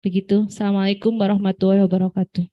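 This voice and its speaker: A woman's voice: mid-range voice, little pitch movement, racing, no room sound. A woman in the audience of a parenting seminar asks a question, hesitating and searching for words. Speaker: audience member asking a question. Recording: dull, dry microphone sound.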